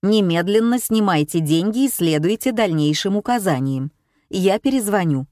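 A woman's voice: mid-range voice, animated, moderate pace, dark tone, dry recording, lightly acted. Brief: a firm, urgent caller claiming to be the bank, read by a woman in an audiobook, dry sound. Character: pushy, official-sounding bank caller on the phone. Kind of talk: audiobook character reading.

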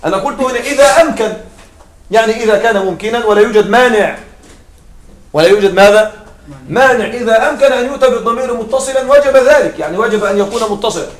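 A man teaching an Arabic grammar class. He keeps checking in with his students with short questions and slowly spells out his example phrases. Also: very high-pitched. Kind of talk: classroom lecture. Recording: echoey room with faint noise.

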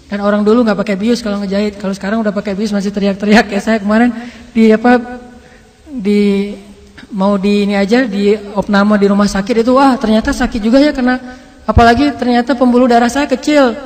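A man preaching as an Islamic teacher, telling a story in an animated, conversational way and acting out quotes. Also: sits high, a little fast. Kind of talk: storytelling sermon. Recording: long hall reverb.

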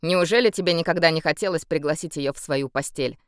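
A woman's voice: low voice, a little fast, clean tone, no echo, clean studio sound, lightly acted. A woman voicing a possessive male emperor who speaks coldly and commandingly. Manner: cold and commanding. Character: cold, possessive male emperor with a beastly temper. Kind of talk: audiobook character voice.

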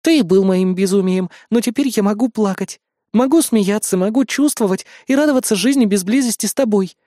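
A man voicing a haughty, sharp-tongued young queen in an audiobook, speaking coldly and curtly. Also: high voice, brisk, no echo, clean studio sound, pitched above the performer's own voice, close to an everyday voice. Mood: agitated. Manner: cold, curt, mocking. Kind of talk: audiobook character voice.

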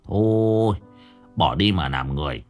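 A man's voice: mid-range voice, very animated, unhurried, faint music behind, pitched above the performer's own voice. A man voicing a rowdy, nagging drunken village neighbor in a spoken ghost story. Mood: weary. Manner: loud, nagging, slurring banter.

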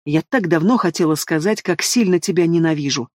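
A spiteful, scheming stepmother from a fantasy audiobook spits out her hatred, as a man puts her on. The voice sits high and is recorded close and dry. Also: a little fast, no echo, close to an everyday voice. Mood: hateful. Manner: venomous, hissing with hatred. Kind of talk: audiobook character voice.

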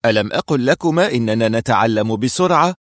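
Brief: male narrator voicing a sardonic young agent, calm and mocking, dry close sound. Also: on the high side, fast, dry recording, voice pushed up. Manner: sarcastic.

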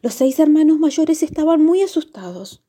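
A woman narrating a children's story on the radio in a gentle, expressive way. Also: sits high, moderate pace.

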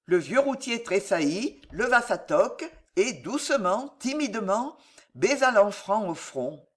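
An audiobook reader giving a slow, measured narration of a novel. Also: medium pitch, very animated.

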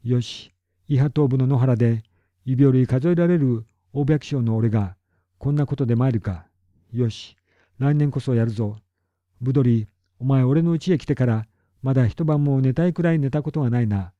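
A man's voice: mid-range voice, normal speed, dry recording, natural voice. A man voicing a proud, stubborn middle-aged farmer who talks bluntly and boastfully, on a dull lo-fi recording. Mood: gruff, determined.

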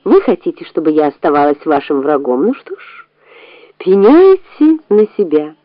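A woman's voice: medium pitch, very animated, measured pace, dry recording, narrow, tinny audio. A woman voicing a sly, boastful old female rat in a storybook reading, wheedling and full of self-praise. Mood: offended.

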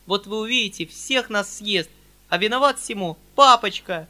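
A man voicing a fiery, outspoken young girl who shouts in defence of her father. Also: high voice, normal speed. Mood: indignant. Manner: shouting, indignant, tearful pleading.

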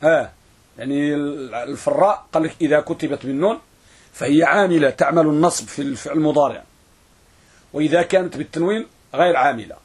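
A man teaching a grammar lesson, who repeats words and draws them out slowly for students to write down. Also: fairly high pitch, breathy edge. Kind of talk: classroom lesson.

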